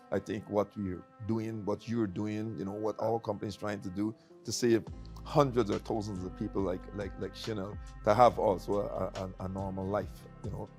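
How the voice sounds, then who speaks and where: Light background music accompanies a middle-aged man from Guyana as he hosts a laid-back conversation in his role as a tea company founder. His voice is fairly low with a darkish tone, and he frequently repeats words amid fillers.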